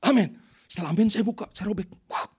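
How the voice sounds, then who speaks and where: A man preaching a sermon to his church congregation, telling stories in a lively, animated way. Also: sits high, fast talker, slightly rough. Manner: animated storytelling, addressing the congregation. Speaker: pastor.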